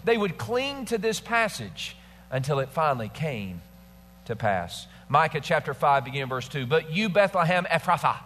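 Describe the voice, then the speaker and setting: A man's voice: medium pitch, big pitch swings, normal speed, fairly bright tone, slight background noise. Emphatic preaching man, long hall reverb. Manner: emphatic preaching, coaxing the congregation to repeat words. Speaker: pastor. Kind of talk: sermon with scripture reading. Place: church sanctuary.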